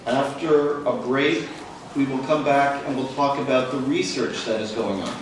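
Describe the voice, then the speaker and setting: A man giving a formal medical lecture in measured short phrases, pausing as if for an interpreter. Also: mid-range voice, fairly even intonation. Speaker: visiting physician lecturer. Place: large echoing room at a talk. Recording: very echoey room, distant mic, faint noise.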